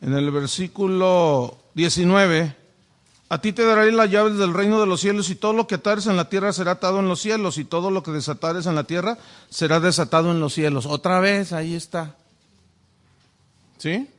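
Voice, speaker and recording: A man's voice: high voice, normal speed. A man, a preacher giving sermon-style Bible teaching and asking the audience many rhetorical questions.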